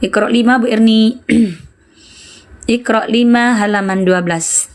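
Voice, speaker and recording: A woman teacher guides students through Quran recitation, speaking at an unhurried, deliberate pace. Her voice is smooth and clear. She corrects each sound patiently and repeats syllables so learners can copy them. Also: on the high side. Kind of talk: online tajwid lesson correcting students.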